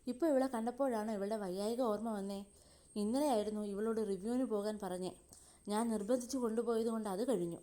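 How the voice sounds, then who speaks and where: A frank young woman scolds in brisk, protective phrases, as a woman storyteller reads her. The voice stays mellow and warm. It is a spoken storybook. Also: mid-range voice, steady tone, lightly acted. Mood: reproachful.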